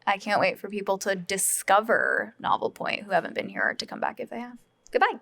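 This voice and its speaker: A woman's voice: medium pitch, expressive, a little fast, creaky, a bit bright. A woman co-hosting a podcast, asking blunt and playful questions in casual chat. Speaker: podcast co-host.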